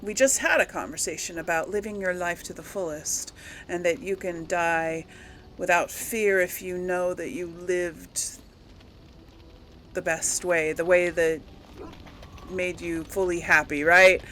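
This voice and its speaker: With a lowish, steady, slightly bright voice, a woman hosts a relaxed let's play at a measured pace, and faint background noise is audible. She rambles, hesitates and giggles while speaking to viewers, sometimes answering in role-play.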